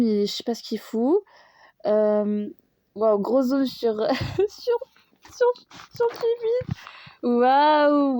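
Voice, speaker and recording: A teenage girl, a little sick, giving a casual and excitable voice-over on a video, full of fillers and gasps of delight. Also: mid-range voice, no echo. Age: teens. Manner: gushing, excitable, many fillers and "waouh" exclamations. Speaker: fan commentator.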